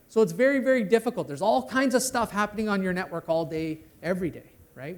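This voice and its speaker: A middle-aged man giving a conversational conference talk on network security, ending many sentences with "right?". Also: sits high. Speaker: conference speaker. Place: conference hall.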